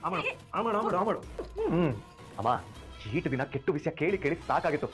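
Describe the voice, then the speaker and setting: An actor in a TV serial playing an ambitious grown son who is eager and plotting. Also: male voice, on the high side, fast, natural voice. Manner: excited, eager. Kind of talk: TV serial acting. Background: background music score.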